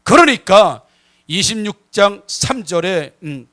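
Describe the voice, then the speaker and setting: Animated high-voiced male pastor. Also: takes it slowly. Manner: animated storytelling, acting out quoted voices with sudden loud and hushed turns. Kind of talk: sermon.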